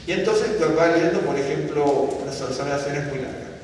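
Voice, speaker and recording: A man's voice: on the high side, fairly quick, a little mellow. A man giving a teaching at a congregation, rambling and conversational, with many fillers and rhetorical questions. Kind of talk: sermon. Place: large echoey hall. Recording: very echoey hall, voice from far off, faint background hum.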